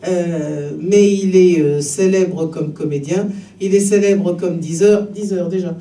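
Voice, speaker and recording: A man's voice: sits high, fairly even intonation, a little slow, warm tone. A man hosting a small gathering, introducing a guest in a chatty, hesitant way. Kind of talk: casual introduction. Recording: roomy, distant amateur video recording.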